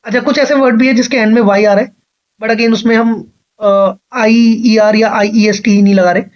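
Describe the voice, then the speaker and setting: A man's voice: high voice, fairly even intonation, moderate pace, highs cut off. A man teaching an exam-prep grammar lecture, explaining patiently step by step and often checking that his students follow.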